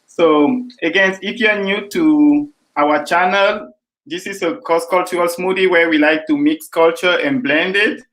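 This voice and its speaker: A man's voice: fairly high pitch, measured pace, a bit bright. A man from Jamaica hosting a panel discussion, enthusiastic and talking with fillers. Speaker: host.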